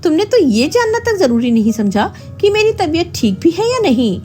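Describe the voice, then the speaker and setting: A woman voicing a proud, stubborn young wife with a sharp, indignant way of speaking, telling a storybook tale. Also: on the high side, sing-song, moderate pace, soft background music. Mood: sulky.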